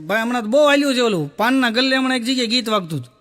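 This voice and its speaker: Comedian guy, very high and bright voice, sing-song repeating jokes. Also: lively intonation, very fast. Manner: repetitive, sing-song comic storytelling. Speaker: stand-up comedian. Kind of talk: stand-up storytelling.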